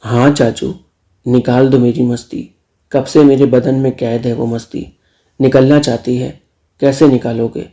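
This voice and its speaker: A man's voice: medium pitch, flat delivery, unhurried, dark tone, close to an everyday voice. Man doing a cheeky young nephew. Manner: cheeky, defiant.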